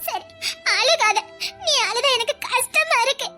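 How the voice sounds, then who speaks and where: A woman's voice: very high-pitched, lively intonation, a little slow, bright, forceful tone, faint music behind, exaggerated voice. A woman with a Tirunelveli Tamil accent playing a stubborn, devoted young woman in a comedy skit, pleading and teasing. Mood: tender. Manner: tearful pleading turning to playful teasing. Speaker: lead character in a comedy skit. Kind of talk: melodramatic skit acting.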